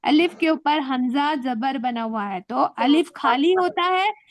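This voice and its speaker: Patient classroom teacher, woman, Indian Hindi-Urdu accent, high pitch, dry recording. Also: slow pace, dry recording. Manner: patient, repeats questions to students. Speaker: Arabic teacher. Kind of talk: classroom lesson. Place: classroom with students.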